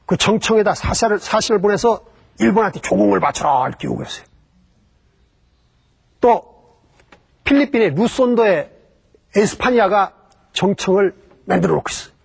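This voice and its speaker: A man's voice: sits high, expressive, moderate pace, creaky, pauses often, husky. A man giving a history lecture about Japan, explaining step by step and posing rhetorical questions that he then answers himself.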